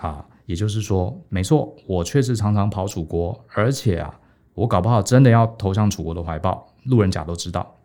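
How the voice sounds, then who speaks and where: A man, hosting a podcast and retelling an old story in a casual, animated way, often adding a little "ha" to his sentences. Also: low-pitched, a little fast. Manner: animated, peppers speech with 哈. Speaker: podcast host.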